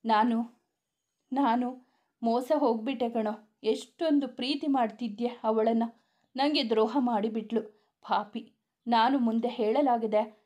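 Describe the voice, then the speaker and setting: A woman's voice: fairly high pitch, normal speed, dull audio, close to an everyday voice. Woman reading as a betrayed young college guy. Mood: tearful. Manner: shouting accusations, then tearful. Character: young male college student, heartbroken and furious.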